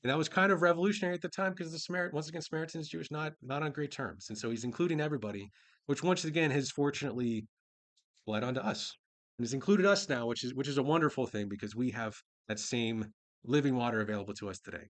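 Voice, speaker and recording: A man preaching a sermon in a relaxed, informal way. He reads scripture passages and then retells them in everyday speech. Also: mid-range voice, fast talker. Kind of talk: casual conversational sermon.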